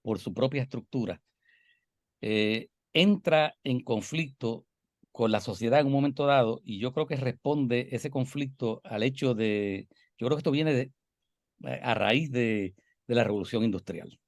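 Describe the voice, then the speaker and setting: A man's voice: mid-range voice, unhurried, no echo, studio quality. Older Puerto Rican man, Caribbean Spanish accent. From Puerto Rico. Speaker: interviewed poet and scholar. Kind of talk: reflective, discursive interview answer.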